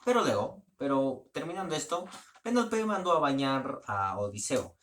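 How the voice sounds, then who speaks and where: A man's voice: medium pitch, very animated, moderate pace, a bit bright. A man giving a casual spoken plot summary in a loose, rambling way, often restarting his sentences. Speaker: book reviewer.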